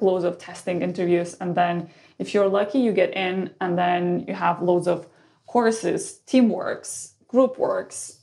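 On a podcast, a startup co-founder from Lithuania, a woman in her thirties, introduces herself in a chatty way and often restarts mid-sentence. Her voice is on the low side, gravelly and a little mellow.

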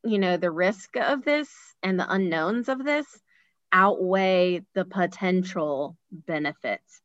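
A woman's voice: lowish voice, slow pace, no echo. Woman host, emphatic, rhetorical, dull dry recording. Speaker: podcast host. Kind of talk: casual conversation.

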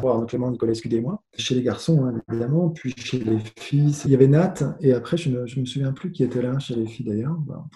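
A man's voice: medium pitch, a little hiss or hum. A man, a guest on a remote call, tells a story casually and with energy, swearing and restarting his sentences often. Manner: animated, swearing, many restarts. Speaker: guest, former tennis player. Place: home with noise nearby. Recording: roomy echo.

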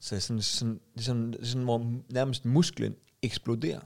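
A man co-hosting a casual podcast, telling halting anecdotes with many fillers and swearing. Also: medium pitch, fairly even intonation, creaky, darkish tone. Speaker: podcast co-host. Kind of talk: casual chat.

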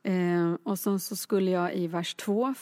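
A woman, a children's book author and musician, telling animated anecdotes full of fillers in a casual interview. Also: on the low side.

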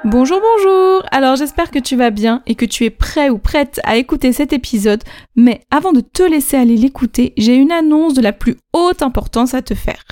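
A woman hosting a podcast language lesson, explaining pronunciation clearly and slowing down to spell out examples. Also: high-pitched, soft background music. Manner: lively, clear teaching with slow, spelled-out examples. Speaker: French teacher and podcast host.

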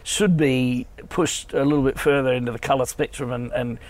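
A man with a croaky voice from a cold, chatting casually and telling rambling anecdotes as a podcast guest. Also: mid-range voice, fairly even intonation, moderate pace. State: has a cold. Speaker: podcast guest, family business owner. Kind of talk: casual conversational interview.

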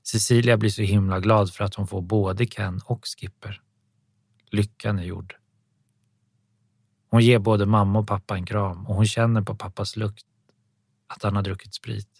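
A man narrating an audiobook in a calm, even storytelling manner. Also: on the low side, long pauses, slightly rough, no echo, studio quality.

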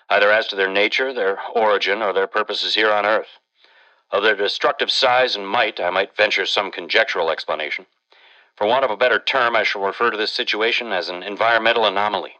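A man playing a cautious professor speaking in a formal, measured lecturing manner, low-pitched but bright and forceful. He comes through a wire with a muffled old-radio sound. The recording is dull and lo-fi. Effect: muffled old-radio sound over a wire. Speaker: scientist.

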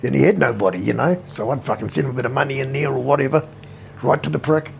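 A man's voice: mid-range voice, fast talker, vocal fry, a little hiss or hum. A man in his fifties with a New Zealand accent, telling family stories in a casual interview, blunt and swearing constantly. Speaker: interviewee, brother.

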